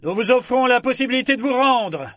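A man's voice: mid-range voice, expressive, normal speed, no echo, close to an everyday voice. Guy playing a hard pirate captain, clipped orders, dry close mic. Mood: commanding. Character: commanding pirate captain, cold and decisive.

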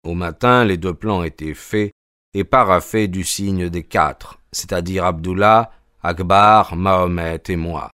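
A man narrates a novel in the first person with measured, steady storytelling. His voice sits very low. The recording is close and dry, with no room sound. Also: smooth, no echo. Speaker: audiobook reader.

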